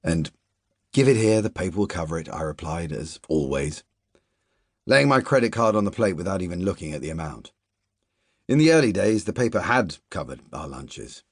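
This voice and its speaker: A man narrates a literary novel as a first-person audiobook reader, measured and even, dropping to quiet asides during dialogue. His voice is low-pitched, and the recording is dry with clean studio sound.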